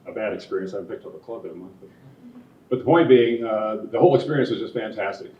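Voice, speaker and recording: A man in his sixties talks quickly and homespun at a candidate forum, his voice sitting on the low side. He sounds far off in an echoing room. The sound is dull, with a faint hiss. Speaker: school board member and candidate.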